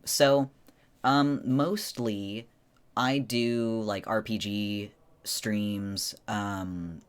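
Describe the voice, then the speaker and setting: A man's voice: fairly low pitch, fairly even intonation, extremely slow, clear, resonant tone. A man streamer talking casually and informally to viewers on a solo livestream, in a rambling way.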